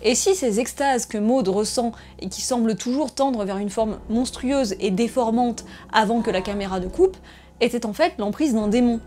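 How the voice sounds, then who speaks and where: A woman narrating a scripted film analysis essay in a measured, analytical way. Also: on the high side, dark tone, soft background music.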